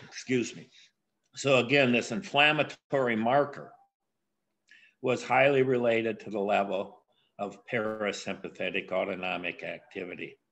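An older man giving a keynote academic lecture, speaking in a measured way with frequent pauses and filler sounds. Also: fairly low pitch, steady tone, gravelly, a bit bright. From USA.

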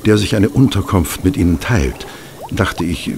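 An affable doctor in a radio play. His voice is fairly low and very lively, with dry, conversational wit. Faint ambience sits behind him. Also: a little slow, background noise. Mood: businesslike, friendly. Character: affable, dryly witty male doctor, a go-between. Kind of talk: German audio drama acting.

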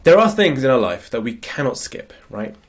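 A mid-range male voice with a sing-song lilt and a moderate pace. He's a productivity coach with a sniffly cold, giving a casual screen-share lecture over slides and often checking in with "right?" and other tag questions.

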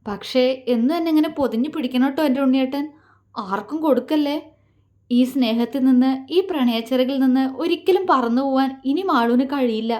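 Loving young wife, voiced by a woman, coaxing, teasing, tender, fairly high voice. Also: a little fast, lightly acted. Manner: affectionate, coaxing, softly pleading. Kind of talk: audio story character voice.

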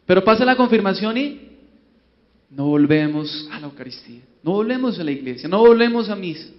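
A man's voice: high voice, animated, fairly quick. A man with a Colombian accent preaching a humorous sermon, telling a joke and quizzing his audience. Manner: joking, storytelling, asks audience. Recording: dull lo-fi, long hall reverb.

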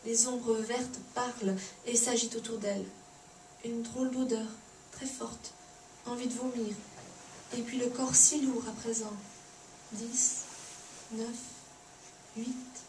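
A woman author reading her novel aloud at a live café concert, hushed and intense, swelling to drama, with a bowed viola playing alongside. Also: on the high side, level tone, slow pace, long pauses, slight background noise. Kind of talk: live literary reading with music. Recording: roomy hall, distant mic, live viola.

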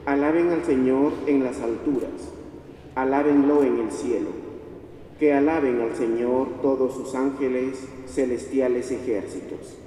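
Mellow male reader in cathedral echo. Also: medium pitch, steady tone, measured pace. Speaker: lay reader at a wedding mass. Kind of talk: recited responsorial psalm reading. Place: large church, indoors. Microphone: gooseneck lectern microphone heard from far off. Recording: echoey church, distant, noisy.

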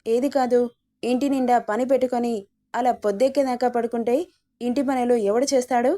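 A scolding middle-aged mother-in-law, voiced by a woman reader, nags and needles with sarcasm. Her voice sits fairly high and mellow, in a storybook reading. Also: fairly even intonation, brisk, natural voice. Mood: nagging. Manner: sarcastic, nagging.

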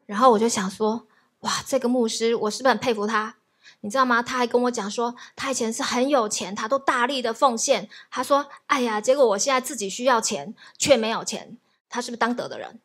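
A woman's voice: a little high, a little fast. A woman pastor telling a testimony in a sermon, laughing often as she tells it. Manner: lively storytelling, laughs often.

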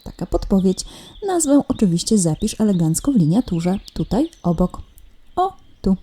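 A woman primary school teacher walking children through workbook exercises in a recorded remote lesson, patient and gently teasing. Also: medium pitch, breathy edge. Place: at home.

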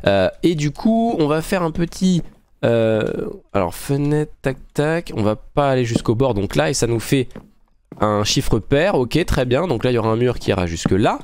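A man's voice: medium pitch, very animated, normal speed, a little mellow, smooth. Chatty man narrating his gameplay. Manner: chatty, thinking aloud while building; friendly, addresses viewers directly. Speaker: gaming channel host. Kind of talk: casual gameplay commentary.

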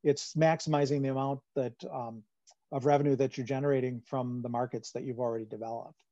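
A man's voice: medium pitch, level tone, fairly quick, dark tone, no room sound. Midwestern man answering webinar questions. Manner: conversational, many fillers and restarts. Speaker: farm finance presenter. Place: home room on a video call. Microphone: computer microphone on a video call. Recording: dull lo-fi video call audio.

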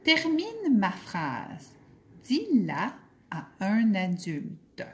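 A woman teacher leads a phonics lesson for young children. She talks at a very slow pace, stretching out each word so it can be repeated back. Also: mid-range voice, wildly swooping pitch. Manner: slow, drawn-out word-by-word pronunciation.

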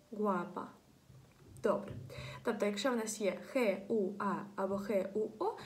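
A woman teaching beginners in a clear, slightly high voice. She walks through each example patiently and repeats words slowly. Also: darkish tone. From Ukraine. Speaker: language teacher. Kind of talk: spoken lesson.

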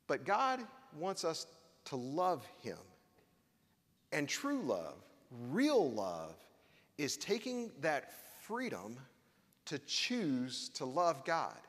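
A man's voice: on the high side, wildly swooping pitch, extremely slow, a bit bright. A man preaching a sermon as pastor, earnest with touches of wry humor, reading scripture aloud. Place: church sanctuary. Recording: long hall reverb.

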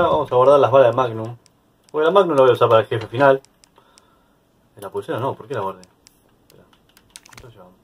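A mid-pitched man with a Rioplatense Spanish accent chats his way through a horror game. He narrates in loose, casual commentary and often yelps or laughs when something startles him. A faint background hiss sits under his voice. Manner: chatty, easily startled, yelps and laughs at scares. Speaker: gaming YouTuber. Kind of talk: casual let's-play commentary.

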